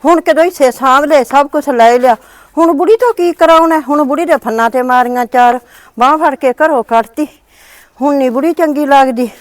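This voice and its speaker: A woman's voice: high-pitched, moderate pace, dry recording, lightly acted. A woman playing a sick, aggrieved old mother-in-law who complains and calls on God. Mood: lamenting. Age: older. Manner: lamenting, complaining, appeals to God. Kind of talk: village short-drama acting.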